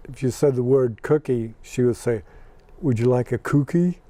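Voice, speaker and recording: Born in Scotland and brought up in Ireland and Los Angeles, the interview guest is a man in his 60s with an American accent who responds to questions in a dry, plainspoken way. His mellow voice is medium-pitched at a normal speed, captured in a dry recording.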